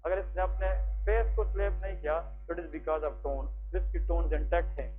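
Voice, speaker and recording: A man's voice: fairly high pitch, fairly even intonation, moderate pace. A man teaching a medical class, explaining an examination step by step and often checking that students follow. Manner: explanatory, asks the class frequent check questions. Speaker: medical lecturer. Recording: tinny phone-like recording with faint music.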